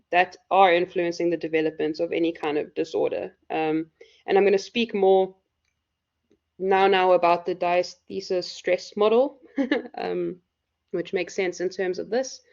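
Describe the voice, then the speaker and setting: Croaky woman lecturing, gravelly and dull. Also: fairly low pitch, darkish tone. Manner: loose, filler-heavy explaining. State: hoarse. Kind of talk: live university lecture. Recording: dull lo-fi recording.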